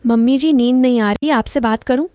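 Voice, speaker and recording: A woman voicing a young man, a charming son-in-law, in a gentle, coaxing manner, reading a spoken story. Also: high-pitched, a little fast, no room sound, lightly acted.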